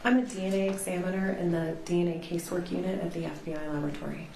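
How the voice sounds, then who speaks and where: A woman's voice: lowish voice, steady tone, creaky, mellow. Middle-aged woman testifying in a roomy courtroom recording. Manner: measured, precise explanations. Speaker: expert witness. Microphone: witness stand microphone. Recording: roomy courtroom sound with faint hiss.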